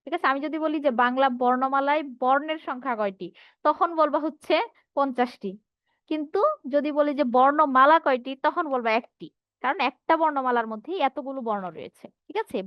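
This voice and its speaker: A woman's voice: sits high, no room sound, lo-fi sound. A woman teacher giving an online class, reading out her students' answers and asking rhetorical questions, speaking with a Bangladeshi Bengali accent.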